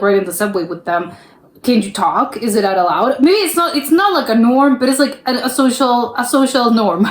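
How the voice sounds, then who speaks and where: American woman doing a reaction vid, kinda high voice, rambles and corrects herself, roomy echo. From United States. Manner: rambling, self-correcting, frequent fillers. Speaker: reaction video host. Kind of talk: casual reaction commentary.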